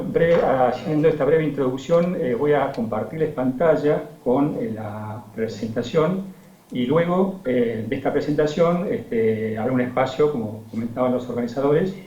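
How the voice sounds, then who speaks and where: A man with an Argentine accent giving a technical presentation over a video call, measured and full of hesitant fillers. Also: medium pitch, a little mellow. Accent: Argentine Spanish. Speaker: agronomy researcher. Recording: muffled video call in a roomy space.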